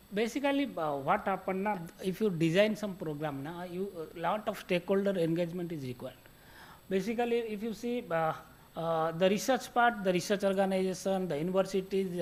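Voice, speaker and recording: A man with an Indian accent answering on a panel in halting, list-like speech with non-standard grammar. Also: high-pitched. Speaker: panelist from industry.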